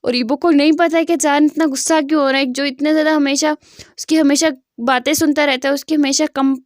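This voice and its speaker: A woman's voice: high voice, fairly even intonation, fairly quick, dry recording. A woman retelling a fan fiction story in a chatty, casual way, full of fillers.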